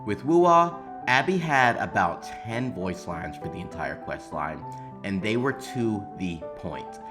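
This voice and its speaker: Speaking over music, a video game commentary creator offers an opinionated essay on games in a fairly low, sing-song voice at an unhurried pace. He's emphatic and informal and swears occasionally.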